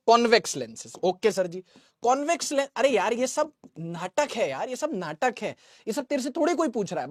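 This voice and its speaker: This physics teacher for exam students has a very high-pitched voice, captured cleanly in a studio with no echo. He runs a live online class, joking with viewers' comments and drilling terms through call and response.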